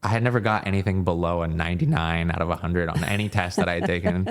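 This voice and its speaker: Low-voiced guy chatting on a podcast, smooth clear voice, quoting himself a lot. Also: fast. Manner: chatty, self-deprecating, quotes himself and others. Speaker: podcast guest. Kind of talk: casual storytelling in an interview.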